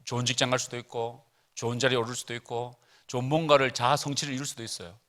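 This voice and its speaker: A man's voice: mid-range voice, steady tone, quick pace, bright, forceful tone. A middle-aged man preaching casually to teenagers at a retreat, chatty and joking as he tells family stories.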